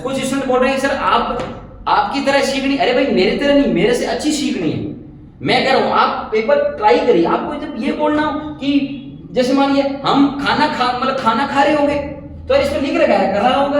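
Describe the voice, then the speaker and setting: A man with a high voice teaches a class, encouraging his students and repeating drill phrases. His English comes out slow and careful. He sounds far from the mic in a very echoey room with a faint hiss behind him. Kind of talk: classroom teaching, mixing two languages.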